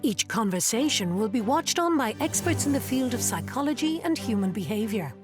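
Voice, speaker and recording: A woman's voice: a little high, sing-song, fairly quick, music in the background. A woman reading scripted documentary narration for a television programme.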